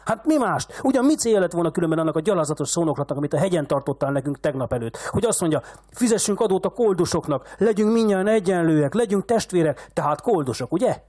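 A man's voice: extremely high pitch, lively intonation, few pauses, voice pushed up. A man reading as a raging old rich patriarch. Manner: shouting insults, ranting.

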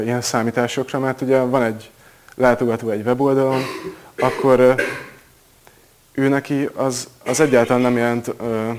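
A man presenting a technical project at a conference, pausing often with filler sounds. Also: mid-range voice, a little mellow. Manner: hesitant, many filler sounds.

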